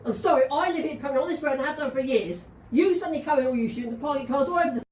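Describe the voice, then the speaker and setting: A woman's voice: high-pitched, very fast, darkish tone. A middle-aged woman, arguing over a parking space in an aggrieved, complaining way and talking over others. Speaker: resident in a parking dispute. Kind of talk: heated street argument. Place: residential street outdoors. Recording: echoey street audio filmed from a distance.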